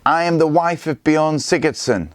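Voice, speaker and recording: A man's voice: medium pitch, sing-song, normal speed, no echo, voice pushed up, lightly acted. Man doing a proud viking mother, defiant, cold, raised voice, storybook reading.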